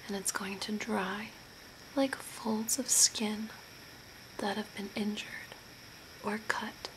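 Close to a desk mic in a small curtained room at home, a woman ASMR performer plays a zombie makeup artist, whispering softly in a breathy, mostly unvoiced way. Her medium-pitched, steady delivery is deliberate and soothing, built from short phrases. Clear background noise and room ambience can be heard.

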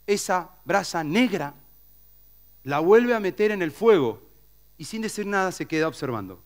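A high-voiced man with a Rioplatense accent tells stories from a conference stage, his pitch swinging widely. His tone is bright with a gravelly edge, and he slips into the voices of the people in his tales. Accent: Rioplatense Spanish. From Uruguay. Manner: animated, acts out characters' voices. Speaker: conference speaker. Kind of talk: storytelling keynote talk. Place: large conference hall.

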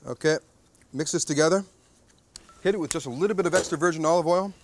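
A man's voice: on the high side, fast, a little hiss or hum. A man in his thirties hosting a TV cooking show at an outdoor grill, chatty and joking, often tagging lines with "okay?". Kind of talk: jokey TV cooking demonstration. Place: outdoor backyard grill deck.

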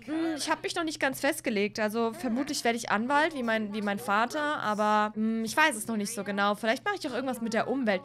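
A woman's voice: fairly high pitch, quick pace, few pauses, a bit bright, natural voice. Woman doing an uncertain young guy on a date, hesitant, hedging. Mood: unsure. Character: unsure young man on a date.

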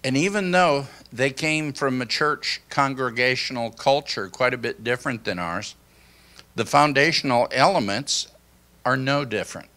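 An older man giving an informal sermon to a small congregation, speaking slowly and conversationally into a handheld microphone in a church hall. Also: medium pitch, expressive, sharp tone. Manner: slow, conversational, reflective. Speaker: pastor.

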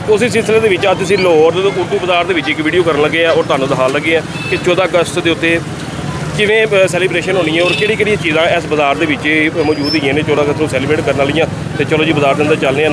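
Against a noisy background, a man with a Lahori Punjabi accent and a voice on the high side hosts an enthusiastic, chatty vlog from a busy outdoor bazaar. He talks straight to his viewers as he tours the market, a busy crowd audible behind him.

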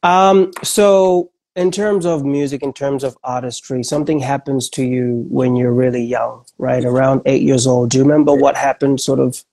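A man's voice: mid-range voice, fairly even intonation, moderate pace, few pauses, a little mellow. A middle-aged man hosting a podcast interview over a video call from home, friendly and encouraging, with lots of casual fillers. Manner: friendly, encouraging, lots of "bro" and "you know". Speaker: podcast host. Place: indoor room at home.

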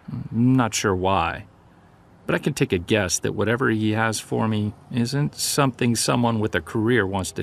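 A male actor with a lowish, creaky voice plays an earnest, wry Sasquatch investigator in an audio drama, recording a conversational field journal.

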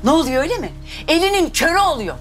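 A furious shouting mother. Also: sits high, big pitch swings, racing, faint music behind. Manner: shouting, accusing, scolding. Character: furious overprotective mother, middle-aged woman. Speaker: actress in a TV drama.

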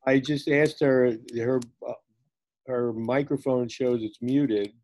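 A man's voice: mid-range voice, steady tone, slow, darkish tone. A man on a video call, telling a story in a rambling way with hesitant fillers. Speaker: small group participant.

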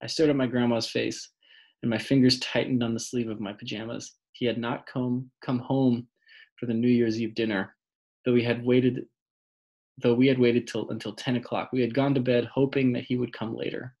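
Gravelly, husky male audiobook narrator. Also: medium pitch, level tone, moderate pace, a little mellow, dull audio. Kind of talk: audiobook reading.

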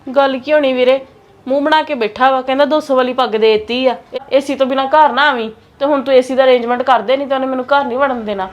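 A woman's voice: high voice, steady tone, fast talker, lo-fi sound, a little hiss or hum. A woman playing a sister and wife who defends her brother in a family short film.

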